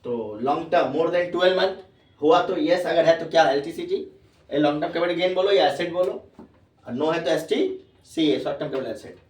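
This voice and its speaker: A fairly high-pitched, slightly mellow male voice delivers a classroom lecture on tax at a moderate pace. He keeps repeating questions so students can follow, calling them "babu," while the echoey room and distant mic color the sound.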